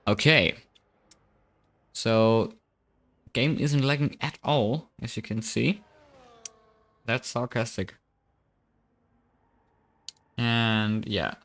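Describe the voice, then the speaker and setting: A young man with a medium-pitched, slightly bright voice commentates a sim racing qualifying session on a live stream. He is chatty and self-mocking, thinking aloud into a desk microphone.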